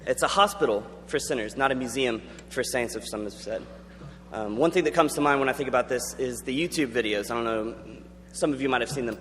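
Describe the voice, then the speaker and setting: A man's voice: medium pitch, fairly quick, a bit bright, soft background music. A young man giving an earnest, conversational chapel talk with frequent ums. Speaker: student chapel speaker. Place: large chapel auditorium. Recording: long hall reverb, faint hum.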